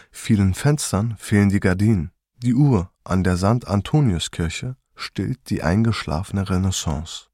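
A man reading literary prose in a calm, unhurried way. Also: on the low side, dry recording, clean studio sound.

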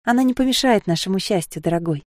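A woman's voice: mid-range voice, lively intonation, fast talker, a little mellow, no echo, clean studio sound, natural voice. A woman voicing a naive sixteen-year-old maid, dreamy and tearful, who chatters in a breathless, pleading way.

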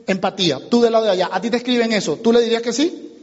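Male business trainer, lively seminar delivery, hoarse edge, reverberant hall recording. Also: very high voice, racing, muffled recording. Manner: animated, addresses the audience, acts out conversations. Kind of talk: motivational seminar talk.

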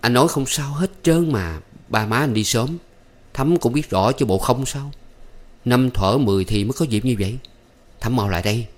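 A man's voice: medium pitch, expressive, normal speed, lightly acted. A man reading a story aloud, voicing an eager, coaxing young master. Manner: coaxing, insistent, playful. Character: young rich man, eager, teasing suitor. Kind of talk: audiobook character voice.

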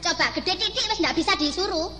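An actress with a Javanese accent playing a coquettish, plaintive young wife in a comic stage drama, pleading and arguing melodramatically. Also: female voice, very high voice, expressive, a little fast, over a noisy crowd. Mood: argumentative. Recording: very noisy stage recording.

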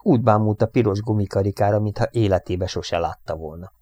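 Male audiobook narrator, measured and dramatic, fairly low voice. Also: mellow, dry recording.

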